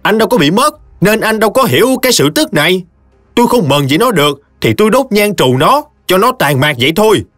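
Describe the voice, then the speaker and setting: A man's voice: sits high, very animated, fairly quick, voice pushed up, exaggerated voice. A man voicing a foul-mouthed old village woman who screams curses, with a Mekong Delta Vietnamese accent. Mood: indignant. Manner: screeching curses, cursing in long rants. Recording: dry close studio voice, soft music behind.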